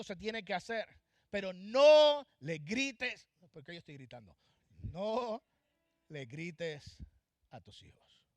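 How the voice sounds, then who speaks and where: Male pastor, sermon, high voice, dry close sound, impassioned, loud-to-hushed swings. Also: dry recording. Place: church.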